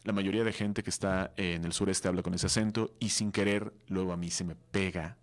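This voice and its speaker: A man's voice: sits low, steady tone, brisk. A man hosting a live comics show, chatting casually in a neutral Mexican accent and reading out viewer comments. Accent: neutral Mexican Spanish. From southeastern Mexico. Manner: chatty, reads out viewer comments and answers them. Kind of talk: live-stream casual chat.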